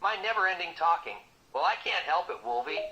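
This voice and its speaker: A man's voice: on the high side, expressive, a little fast, sharp tone, dull audio. A man voicing a boastful, wisecracking male mercenary who teases his partner in comic banter. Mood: playful. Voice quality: cocky, teasing, sarcastic.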